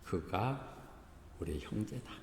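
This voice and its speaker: A man's voice: lowish voice, animated, takes it slowly. Korean pastor guy preaching, chatty sermon w little acted bits, big reverby church hall, faint hum behind. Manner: conversational preaching, breaks into acted dialogue, chuckles at congregation. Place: church sanctuary.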